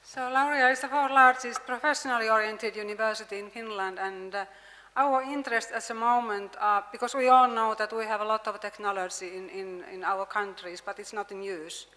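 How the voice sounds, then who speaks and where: Woman pitching in a reverberant hall. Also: steady tone, brisk, pushed and bright. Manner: earnest, hesitant with fillers. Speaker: university representative presenting a project. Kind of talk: conference pitch and answers. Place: conference hall with audience.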